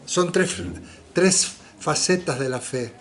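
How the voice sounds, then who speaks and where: A man's voice: on the high side, slow pace. An older man giving an informal philosophy seminar lecture, asking the audience rhetorical questions and dropping frequent tag questions. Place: lecture room in a community center.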